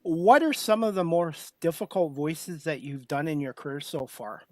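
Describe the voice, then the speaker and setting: A man's voice: on the high side, normal speed, no room sound. A man hosting a talk show, asking his guests direct questions in an upbeat, casual way. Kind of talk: casual interview chat.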